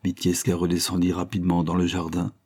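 A man narrating a novel in a steady, measured reading voice. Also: low-pitched, breathy edge. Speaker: audiobook narrator.

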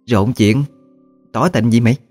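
A gruff old grandmother ghost, put on by a male storyteller. She talks bluntly and scolds in plain rustic words, her voice lifted well above his own, over soft music. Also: medium pitch, unhurried, pitched above the performer's own voice. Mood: teasing.

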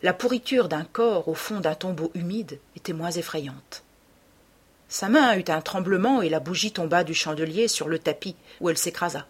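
Husky-voiced woman narrating a classic novel. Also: lowish voice. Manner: measured, dramatic reading. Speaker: audiobook narrator. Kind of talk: literary audiobook narration.

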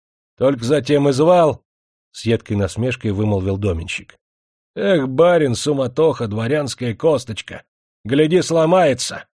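A man's voice: medium pitch, lively intonation, normal speed, darkish tone, dry recording, clean studio sound, lightly acted. A man voicing a strong, stern blast-furnace worker who talks bluntly in plain folksy speech, in an audiobook. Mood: mocking.

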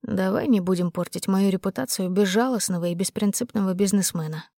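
Woman reading a soft-spoken possessive man for a romance audiobook, low, quiet, dry sound. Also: fairly quick, no room sound, close to an everyday voice. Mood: playful. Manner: low, hushed and gentle. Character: tender, possessive male businessman lover.

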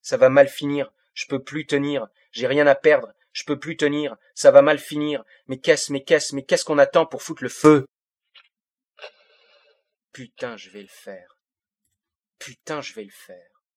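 A male audiobook narrator takes on the role of a bitter fifteen-year-old from the projects, speaking street slang in angry, agitated bursts as a first-person monologue. His natural voice runs on the high side, with a steady tone and a measured pace.

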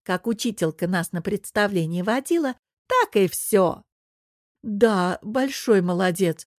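A woman voicing a chatty, doting older aunt who coos and fusses in a high, loud voice, read in an audiobook. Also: expressive, unhurried, no room sound, clean studio sound, lightly acted. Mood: gushing. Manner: cooing, gushing, high and loud.

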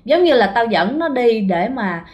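A woman quoting a stern old male spirit guide who gives blunt, rough commands. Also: fairly high pitch, big pitch swings, measured pace, darkish tone.

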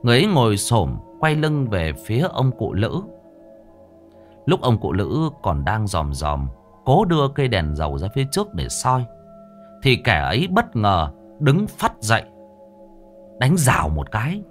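A man narrating a Vietnamese village ghost story in a vivid, expressive storytelling manner. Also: lowish voice, measured pace, soft background music.

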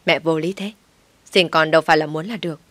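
A woman's voice: low voice, steady tone, quick pace, dry recording, natural voice. A woman voicing a restrained young husband. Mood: insistent. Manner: pleading, insistent. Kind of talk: audiobook story reading.

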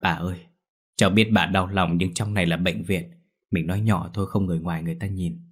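A man voicing a young wife in an audio ghost story, speaking softly and hushed. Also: low voice, fairly even intonation, quick pace, breathy edge. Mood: soothing. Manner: soft, hushed. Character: gentle young wife, soothing.

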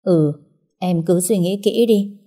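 A woman voicing a gentle young man who softly coaxes his girlfriend. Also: on the low side, slow. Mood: tender. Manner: soft, coaxing.

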